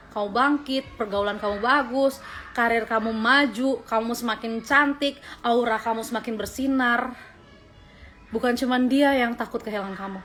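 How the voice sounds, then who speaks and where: A woman's voice: a little high, fairly bright tone. A woman in her twenties talking casually on a livestream, answering viewers' questions with earnest, faith-centred advice. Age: 20s.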